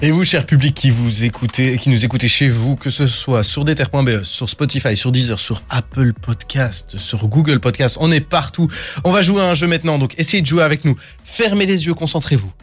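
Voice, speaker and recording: A man's voice: mid-range voice, brisk, slightly rough, soft background music. A young man, hosting a rap news podcast with playful, teasing banter and frequent laughter. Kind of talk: lively hosted podcast banter.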